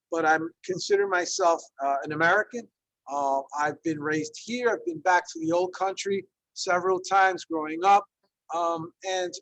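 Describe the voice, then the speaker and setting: A man in his fifties from Ecuador, a Spanish teacher, leads an online workshop conversationally, using lots of fillers and checking in often. His voice is high and a bit bright, captured dry with no echo over a video call in low quality.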